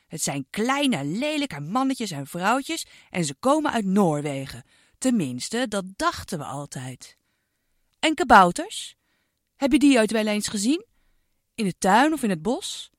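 A woman narrating a children's storybook with an expressive, sing-song delivery aimed at a child listener. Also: mid-range voice, no echo, clean studio sound.

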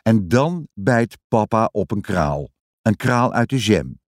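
A man reading a children's story aloud in an expressive, sing-song storytelling manner. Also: fairly low pitch, slow, no room sound, clean studio sound. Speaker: narrator.

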